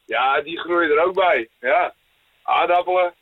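High-voiced male caller on speakerphone. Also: measured pace, breathy edge. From Friesland, Netherlands. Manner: plain, curious, asks questions. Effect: on speakerphone over a phone line. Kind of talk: casual call-in chat. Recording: tinny speakerphone line.

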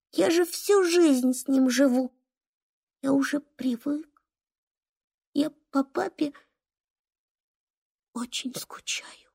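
A small, sorrowful boy from a storybook, his voice soft and trembling, fading into whispers, as a woman reads him. The voice sits fairly high and sounds close and dry. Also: no room sound. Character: small sad boy missing his father.

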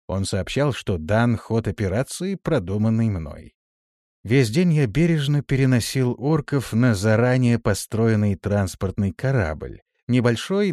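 Expressive male audiobook narrator. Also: medium pitch, no room sound, studio quality. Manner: expressive, varied delivery. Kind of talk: scripted fantasy audiobook narration.

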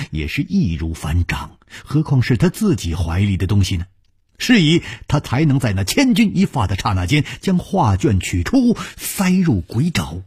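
A man telling a traditional Chinese story with dramatic, drawn-out phrasing. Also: lowish voice, darkish tone, breathy edge, dry recording, clean studio sound.

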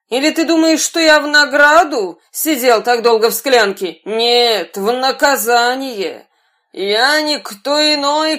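A woman voicing a menacing, boastful male spirit in a low, hollow, muffled voice, with a haughty and threatening manner. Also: fairly bright tone.

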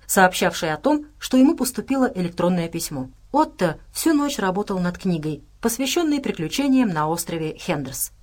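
A woman narrating an audiobook in a steady, even reading voice. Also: medium pitch. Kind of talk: scripted narration.

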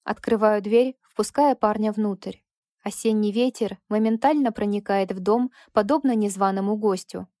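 A woman narrating a first-person story for an audiobook in a measured, intimate way. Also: medium pitch, mellow, no room sound, clean studio sound.

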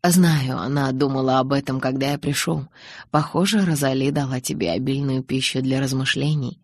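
A woman voicing a calm, tender young man with soft, restrained speech in an audiobook. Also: a bass voice, normal speed, no echo. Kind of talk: audiobook character reading.

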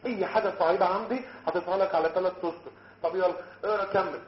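Talking very fast in a high voice with fairly even intonation, a man with an Egyptian Arabic accent lectures medical students in a lecture hall, joking, quizzing them, and mixing in English terms. The sound is roomy and muffled.

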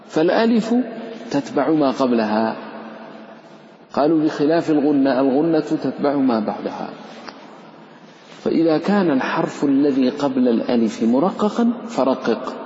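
A man's voice: mid-range voice, expressive, normal speed, pauses often, dark tone, slight background noise. Man teaching recitation in an echoey hall. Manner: explains patiently, chants short recited examples. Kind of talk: lesson on tajweed rules. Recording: echoey hall, dull lo-fi sound.

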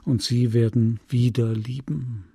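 A man reading the part of a wistful, restrained married woman who speaks quietly and gently refuses. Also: mid-range voice, little pitch movement, measured pace, gravelly, breathy edge, no echo, clean studio sound, pitched below the performer's own voice, exaggerated voice. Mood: gently refusing.

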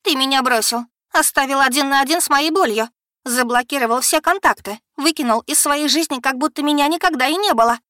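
A woman reading an audiobook and voicing a distraught young woman who pleads and shouts at her sister, near hysterical. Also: high voice, fairly quick, dry recording, studio quality, pitched above the performer's own voice. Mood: wailing.

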